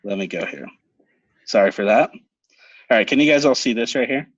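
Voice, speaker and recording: A man's voice: medium pitch, lively intonation, normal speed, no echo. Man, bad internet connection, video call, lo-fi dull audio, dry sound, rambling trainer, lots of fillers. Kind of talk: online class instruction. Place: at a school. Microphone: computer mic on video call.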